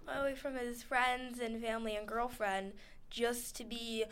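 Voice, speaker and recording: A teenage girl co-hosts a casual radio chat from a studio, her voice fairly high and slow with background noise. She rambles and giggles, acting out characters while recapping scenes.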